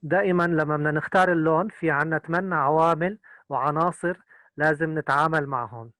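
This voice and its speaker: Very fast interpreter man. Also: on the high side, steady tone, pushed and bright, no echo. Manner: hesitant, many filler sounds. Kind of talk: consecutive interpreting.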